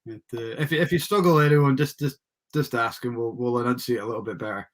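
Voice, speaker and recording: Male Scottish host, mid-pitched, informal and conversational, hesitant delivery. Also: fairly quick. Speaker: livestream host. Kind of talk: casual hosting chat.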